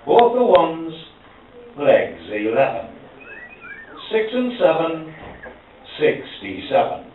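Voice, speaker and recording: A man working as a bingo caller, announcing numbers and their nicknames in a slow sing-song, recorded from across a club hall. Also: fairly high pitch. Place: social club hall, heard from the audience tables. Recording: echoey club hall, distant lo-fi pickup, hiss.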